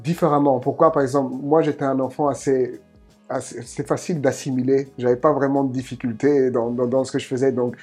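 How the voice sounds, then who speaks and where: A man's voice: medium pitch, flat delivery, brisk, warm tone, breathy edge, soft background music. A man sharing his thoughts in a podcast talk, earnest and reflective, often restarting and repeating words. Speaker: podcast co-host.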